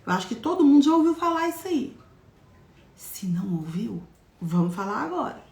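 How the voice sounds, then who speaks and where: A woman teaches in a live talk, breaking ideas into small steps and turning to the audience with questions. Her voice sits a little high. The sound is roomy and echoey. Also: moderate pace, creaky. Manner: explains step by step, often asks the audience questions; demonstrates syllables in a lively, childlike classroom voice. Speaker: educator giving a live talk on literacy.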